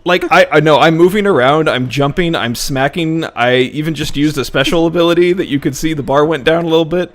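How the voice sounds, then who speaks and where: A man's voice: on the high side, a little fast, hardly any pauses. A man co-hosting a let's play, chatting casually, laughing often and slipping into mock-lecturing jargon. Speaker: co-host of a gaming let's play.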